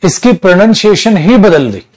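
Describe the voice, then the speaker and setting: A man's voice: sits high, very animated, darkish tone. A middle-aged man teaching English grammar in a casual, teasing lecture style, calling students "beta". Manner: slow, chatty, teasing, calls students beta.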